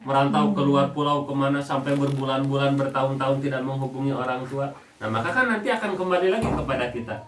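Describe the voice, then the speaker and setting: A man's voice: mid-range voice, quick pace. A young man with a Sundanese-accented Indonesian voice preaching on family life, telling humorous personal stories to a congregation. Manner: animated, humorous personal storytelling. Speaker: Islamic preacher. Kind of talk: family religious talk to a congregation. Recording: echoey hall, distant mic, background noise.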